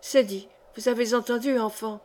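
Woman doing frail old coachman, hoarse, faint, sits a little high. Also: fairly even intonation, moderate pace, a little mellow, close to an everyday voice. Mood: weary. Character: dying old male coachman, weak and hoarse.

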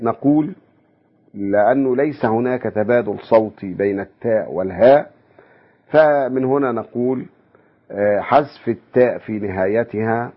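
A man lectures in a low, unhurried voice, explaining step by step and pausing to ask his listeners questions. The sound is dull and lo-fi, like an old radio broadcast. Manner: measured, explanatory, asks rhetorical questions. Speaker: university lecturer. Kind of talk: academic lecture.

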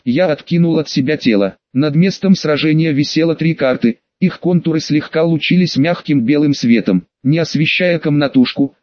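A man narrating a first-person audiobook with steady, even reading. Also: on the high side, dry recording, dull audio.

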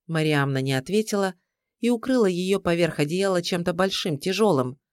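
A man narrating an audiobook in a calm, measured storytelling manner. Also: high voice, clean tone, dry recording, studio quality.

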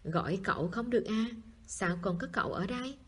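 An elderly, warm grandmother in an audiobook, read by a woman with a husky voice. She chides with fondness rather than anger. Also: mid-range voice, fairly quick, lightly acted. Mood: fond.

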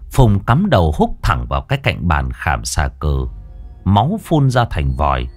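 A man narrating a ghost story in a vivid, colloquial storytelling manner. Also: on the low side. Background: soft music.

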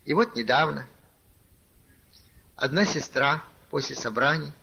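A man's voice: medium pitch, expressive, a little slow, gravelly, sharp tone, breathy edge. A man preaching a conversational sermon, telling a personal story and addressing his listeners as brothers, with many filler words. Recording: lo-fi archival tape recording.

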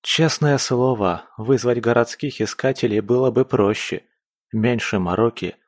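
A man's voice: medium pitch, unhurried, dry recording, studio quality, lightly acted. A man voicing a young male monster hunter who grumbles wryly and sounds irritated. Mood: wry grumbling.

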